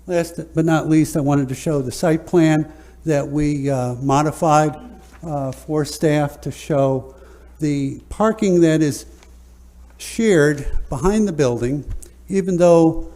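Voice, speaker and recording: A man, an architect presenting a project at a public hearing in a relaxed, joking way with many fillers. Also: a little high, slow. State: slightly out of breath at first.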